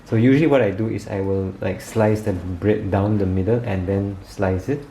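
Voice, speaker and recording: A man casually demonstrating and reviewing a bread maker in his home kitchen, relaxed and chatty with lots of fillers. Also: on the low side, moderate pace. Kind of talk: casual demo vlog. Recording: echoey kitchen with faint background noise.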